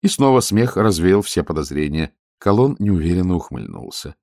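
A man narrating an audiobook in an expressive storytelling manner. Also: low-pitched, normal speed, creaky, dry recording, studio quality. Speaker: audiobook reader. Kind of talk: scripted narration.

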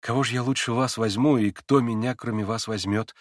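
A man reading an audiobook, voicing a sincere, gentle young man who speaks softly and thoughtfully, a little bashful. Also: mid-range voice, steady tone, brisk, dry recording, studio quality, natural voice.

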